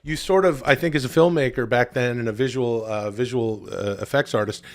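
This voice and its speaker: A man co-hosting a comedy podcast in casual chat, rambling and profane, now and then bursting into mock yelling. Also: medium pitch, brisk. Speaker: podcast co-host.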